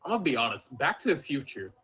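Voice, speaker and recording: A man's voice: medium pitch, very animated, quick pace, pushed and bright, slight background noise, rough recording. A young man co-hosting a casual podcast, offhand and opinionated. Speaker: podcast co-host. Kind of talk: casual chat.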